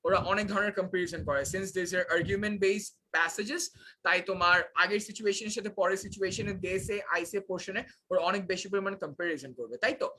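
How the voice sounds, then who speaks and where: A man's voice: sits high, a little fast, pushed and bright, poor audio. A young man teaching a live online class, switching between Bangla and English with frequent filler sounds.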